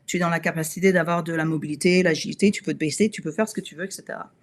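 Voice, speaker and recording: A chatty woman in her forties speaks straight to her online audience as a mobility coach. Her talk is loose and direct, full of fillers and quick laughs. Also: on the low side, steady tone, a little hiss or hum. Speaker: webinar host and mobility coach. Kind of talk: casual live webinar talk.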